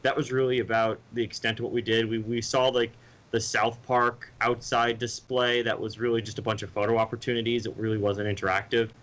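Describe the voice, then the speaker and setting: Bright-voiced man chatting casually. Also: mid-range voice, flat delivery, a little fast, rough recording. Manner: rambling, with restarts and mimicked sounds. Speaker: podcast co-host. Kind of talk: casual chat.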